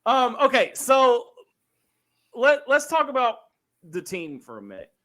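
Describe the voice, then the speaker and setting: A man's voice: very high voice, wildly swooping pitch, measured pace, bright, forceful tone. A man hosting a casual sports talk show, speaking in an opinionated, emphatic way. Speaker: sports podcast host.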